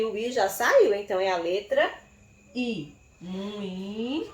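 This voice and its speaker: In an echoey room, a primary school teacher with a mid-range voice and a Brazilian Portuguese accent records a remote writing lesson for young children. She breaks words into syllables slowly and puts questions to individual pupils by name.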